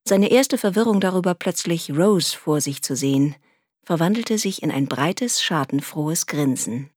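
Woman narrator, audiobook, expressive storytelling, lowish voice, dry close recording. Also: unhurried, no echo.

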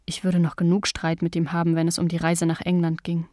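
A woman reading a novel aloud in the first person, calm and measured. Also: on the low side, no room sound, clean studio sound. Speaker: audiobook narrator. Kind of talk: scripted first-person narration.

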